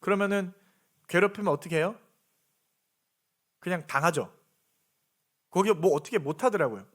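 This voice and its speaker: A man's voice: sits high, normal speed. A man preaching a sermon as pastor of his church, earnest, with repeated rhetorical questions to the congregation. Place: church sanctuary.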